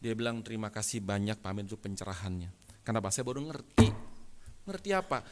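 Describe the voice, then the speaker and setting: A man preaching a sermon as pastor, calling his listeners "saudara" and swinging from soft asides to loud emphatic peaks. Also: lowish voice, quick pace, very noisy. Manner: acts out dialogue in retold anecdotes.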